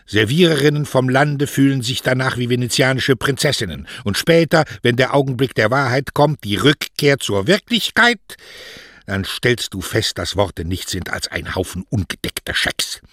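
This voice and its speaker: A man voicing a stern, scornful middle-aged mother who scolds her daughter with a raised, sharp voice. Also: low-pitched, moderate pace, hardly any pauses, slightly rough, no room sound, studio quality, heavily acted.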